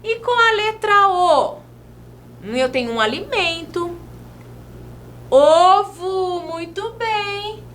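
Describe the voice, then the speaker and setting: A woman from Brazil gives a video lesson to young children. Her high, lively voice swings widely in pitch, and she talks slowly, drawing out each word. A faint hum sits under the recording. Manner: slow, sing-song teacher talk, stretching words as she writes. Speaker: teacher.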